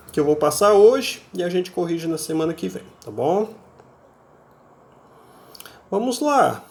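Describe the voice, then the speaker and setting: Brazilian guy teaching english, talks slow, patient, says each word again and again. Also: high voice. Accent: Brazilian Portuguese. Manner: explains patiently, repeats words over and over to drill pronunciation; ends phrases with a checking tag. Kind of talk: recorded online English class.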